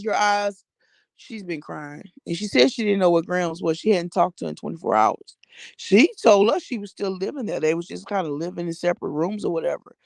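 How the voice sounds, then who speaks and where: This American vlogger has a creaky, mid-range voice, recorded dry. She offers laid-back gossip on social media figures, swearing a lot, using slang, speaking bluntly, and repeating phrases to drive points home.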